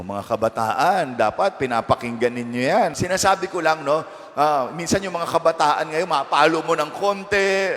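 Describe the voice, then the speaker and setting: A man's voice: high-pitched, fairly bright tone. A male parish priest giving a conversational homily in a church, teasing his listeners and asking them frequent rhetorical questions. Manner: playful, teasing asides. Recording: long church reverb.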